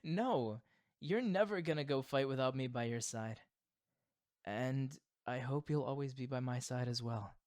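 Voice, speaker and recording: A man voicing a proud, theatrical supervillain boyfriend who is secretly doting, in an expressive ASMR roleplay. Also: medium pitch, a little slow, close to an everyday voice. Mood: tender, affectionate.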